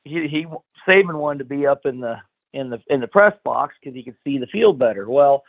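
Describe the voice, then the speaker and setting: A man's voice: mid-range voice, expressive, brisk, vocal fry. A man from Iowa calling a sports show, talking casually with some hesitation. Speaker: caller. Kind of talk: call-in chat. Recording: tinny phone line.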